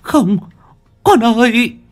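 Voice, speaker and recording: Man doing a high wailing old village woman. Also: expressive, normal speed, gravelly, a little mellow, slightly rough, soft background music, full character voice. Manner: pleading, wailing.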